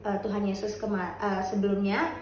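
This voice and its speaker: A woman's voice: mid-range voice, level tone, a little fast, a little mellow, reverberant, a little hiss or hum, rough recording. A 21-year-old woman answering interview questions, explaining her views thoughtfully.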